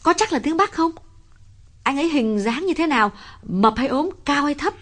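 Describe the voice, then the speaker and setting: A man reading an audiobook voices an anxious young wife who talks in rapid, shrill outbursts. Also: animated, bright, forceful tone, full character voice. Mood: worried. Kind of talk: audiobook character voice.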